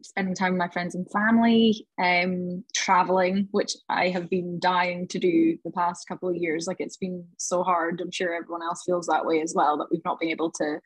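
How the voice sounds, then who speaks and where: A woman with a Highland Scottish accent, chatting informally as a podcast guest in a casual interview. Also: slightly rough, no echo, rough recording.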